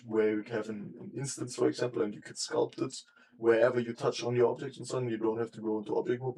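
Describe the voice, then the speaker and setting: Chatting on a casual stream as he works, a young man rambles aloud in loose sentences that frequently trail off. His mid-range voice is creaky with a darkish tone, captured on a desk mic in low quality.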